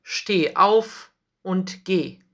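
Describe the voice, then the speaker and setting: A woman's voice: fairly low pitch, very slow, heavily acted. Peter, a woman doing a fearless apostle. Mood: earnest. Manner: firm, earnest declaring. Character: bold apostle Peter, grown man, fearless preacher. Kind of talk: storybook reading.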